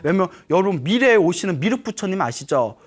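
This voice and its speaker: A male Buddhist monk preaching to an audience, his pitch swinging widely as he tells a story and acts out its voices. His delivery is playful and humorous, with sudden shifts between loud and soft speech, and he keeps checking in with his listeners. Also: big pitch swings, fast, breathy edge. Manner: storytelling with acted quotes, frequent "예?" to the audience. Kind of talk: Dharma talk to an audience.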